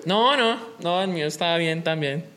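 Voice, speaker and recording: A man's voice: a little high, normal speed, bright, forceful tone, smooth. A young man with a Colombian accent, chiming in with teasing remarks in a casual chat.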